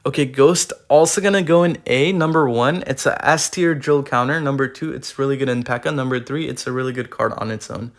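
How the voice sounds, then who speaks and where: A young man giving casual, slangy gaming commentary while ranking cards, full of fillers, his voice going a bit hoarse, recorded on a tablet. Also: mid-range voice, brisk, few pauses. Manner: rambling, slangy, filler-heavy. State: losing his voice. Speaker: gaming YouTuber. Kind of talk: casual tier-list commentary. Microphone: iPad recording.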